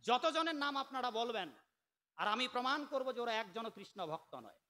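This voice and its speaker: A high-pitched, sharp-toned man preaches a sermon. He scolds and argues, moving from quiet asides to sudden loud outbursts. His voice rings out with a long hall echo. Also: expressive, normal speed.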